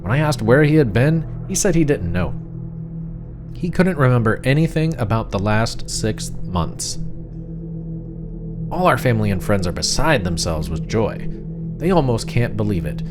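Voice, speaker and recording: A man narrating a horror story in the first person as a frightened, suspicious wife, confiding and uneasy, with deliberate pauses. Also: mid-range voice, big pitch swings, close to an everyday voice. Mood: anxious, pleading. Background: music.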